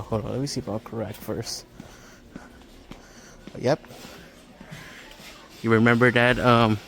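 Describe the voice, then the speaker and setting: An amateur vlogger walks a large indoor home improvement store with a handheld phone, narrating in a casual, halting way like an absorbed hobbyist. His voice is medium-pitched and fairly bright, and store ambience adds noticeable background noise.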